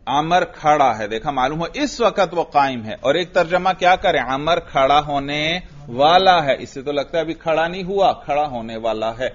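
A man's voice: on the high side, animated, hardly any pauses, lo-fi sound. A man teaching a grammar class, patiently questioning students and praising their answers.

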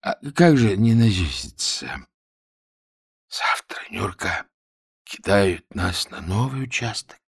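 A man voicing a simple-minded young soldier in an audiobook, tipsy and drowsy, talking in a slow, easygoing drawl. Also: medium pitch, expressive, warm tone, slightly rough, dry recording, studio quality, voice pushed up.

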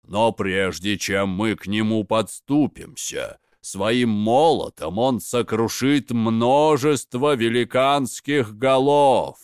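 A man's voice: lowish voice, slow, hardly any pauses, clean tone, no room sound, clean studio sound. A man reading a fairy tale aloud and voicing a clever male giant musing in a thoughtful, wary way.

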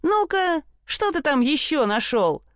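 A woman's voice: high-pitched, sing-song, a little slow, no room sound, voice pushed up. A woman playing two haughty, book-proud young brothers from a fairy tale, sneering in mocking tones. The voice swings widely and sits dry against the mic. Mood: scornful. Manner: scornful, mocking.

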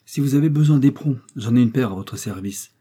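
Man reading as sly gentleman, falsely obliging, sneering, husky dark voice, storybook reading. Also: mid-range voice, brisk, lightly acted. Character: sly, mocking male gentleman.

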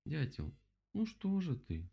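A man voicing a calm, wise and kind female bear in a storybook, speaking gently and reassuringly. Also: on the high side, slow, gravelly, breathy edge, lo-fi sound, pitched above the performer's own voice, heavily acted.

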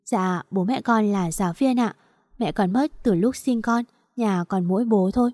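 Woman doing a shy polite young teacher, soft deferential, mellow dry voice. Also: medium pitch, moderate pace, dry recording, lightly acted. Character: meek, polite young schoolteacher.

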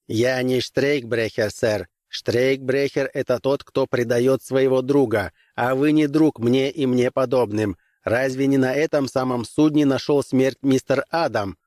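A male audiobook reader voicing a telepathic robot servant who answers slowly and with flat insolence. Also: medium pitch, dry recording, studio quality, lightly acted. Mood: insolent. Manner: slow, measured, flatly insolent.

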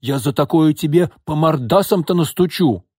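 A man's voice: mid-range voice, lively intonation, normal speed, mellow, no echo, studio quality, voice pushed up, natural voice. A man voicing a blunt old housekeeper woman. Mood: furious. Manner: coarse folksy scolding.

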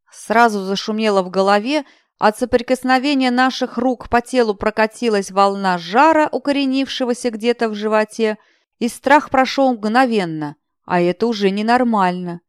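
A woman's voice: a little high, smooth, dry recording, studio quality. A woman narrating a fantasy audiobook in the first person, expressively.

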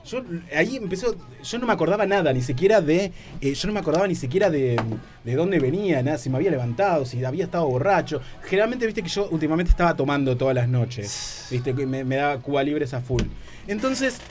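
Argentine guy rambling thru a funny story on the radio, kinda high voice, stammers a lot, faint music behind. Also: expressive, fast, darkish tone. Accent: Argentine Rioplatense. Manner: rambling, self-interrupting, nervous stammer. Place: radio studio.

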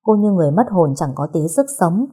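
A woman narrating a dramatic audio story in a steady, measured way. Her voice sits low and sounds mellow and warm. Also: slightly rough.

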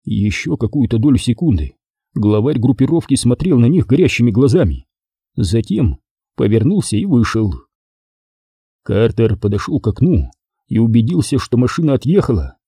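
A male narrator reads a crime novel aloud with expressive, dramatic delivery. His voice is dark and husky, and his pitch moves a lot. The recording is dry and close. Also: normal speed, no room sound. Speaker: audiobook narrator.

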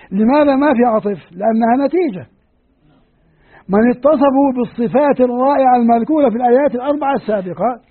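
A man's voice: extremely high pitch, husky. A male religious teacher giving a patient grammar lecture, asking his students questions as he explains. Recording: tinny lo-fi phone-like recording.

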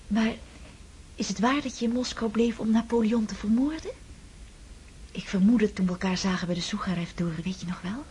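A tender young Natasja, as a woman plays her, speaking softly and often near a whisper. Her voice has a mid pitch. A faint hiss sits under the radio play recording. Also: brisk, natural voice. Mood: curious.

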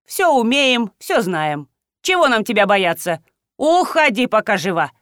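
A woman's voice: a little high, sing-song, measured pace, a bit bright, dry recording, clean studio sound. A woman voicing a blunt, fearless old village woman who talks down dismissively.

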